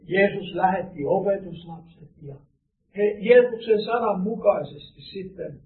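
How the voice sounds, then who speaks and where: Preacher man in a roomy hall. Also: high-pitched. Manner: measured, reads scripture aloud with rising emphasis. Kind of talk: sermon. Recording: distant, roomy, phone-like sound.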